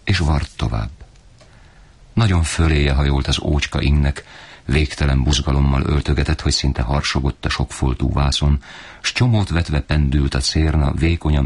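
A man reading a literary story in a measured, solemn narration. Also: very deep voice, slightly rough.

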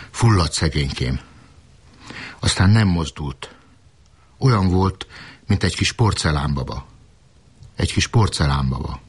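A man narrating a literary novel in a measured, unhurried reading. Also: low-pitched, slightly rough.

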